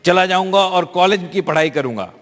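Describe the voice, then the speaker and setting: A man interprets a speech live in a large hall, fluent and conversational, with small restarts. His voice is high for a man, and the reverb hangs after each phrase. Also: lively intonation, brisk, a bit bright.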